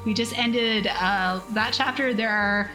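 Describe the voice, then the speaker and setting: A woman's voice: mid-range voice, measured pace, bright, forceful tone, faint music behind, poor audio. A woman hosting a casual reading stream, reading a sci-fi story and chatting with viewers in self-deprecating asides. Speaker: streamer reading a book aloud.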